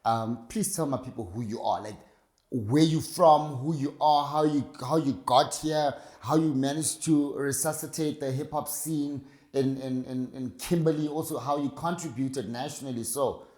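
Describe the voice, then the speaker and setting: A man's voice: mid-range voice, normal speed, darkish tone, echoey room. A man hosting a casual interview, upbeat and joking, teasing his guest. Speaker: host.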